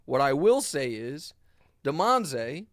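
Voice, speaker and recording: Animated sports talk host, man. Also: mid-range voice, takes it slowly, dry recording, studio quality. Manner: animated, emphatic, frequent restarts.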